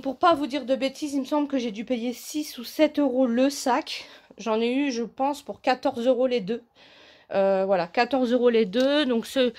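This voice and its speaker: A chatty young woman with a fairly high voice talks through a shopping haul. She sounds a little breathless and fills her sentences with hesitations as she shows things to the camera. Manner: chatty, many fillers, shows items to camera. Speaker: vlogger. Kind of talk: casual haul video chat.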